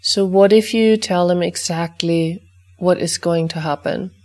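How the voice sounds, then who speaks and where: A woman with a slightly low voice leads listeners through an energy exercise with their dogs. She guides in a gentle, unhurried way. She repeats rhythmic, chant-like clearing phrases. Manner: calm, repetitive incantation-like clearing phrases. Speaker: energy healing teacher.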